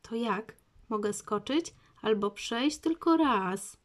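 A woman's voice: fairly high pitch, lively intonation, slow pace, pitched above the performer's own voice. A woman doing an anxious little girl. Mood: insistent.

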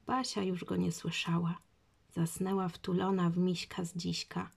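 A woman narrating a children's storybook in a measured reading voice. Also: lowish voice, little pitch movement, vocal fry, slightly rough.

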